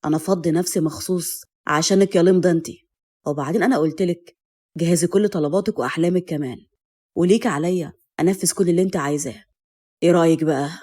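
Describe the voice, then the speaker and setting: A woman voicing a calm, commanding young man with an Egyptian accent, speaking low and controlled in an audio story. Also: fast, close to an everyday voice. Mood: teasing.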